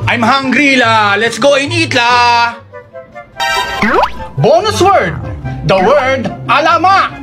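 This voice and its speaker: A man's voice: extremely high pitch, expressive, slow pace, long pauses. A man in his thirties doing a comic demonstration of Singlish, tagging sentences with local particles like la, ah and leh. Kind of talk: comedic Singlish demonstration skit. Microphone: phone at arm's length. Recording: background music behind the voice.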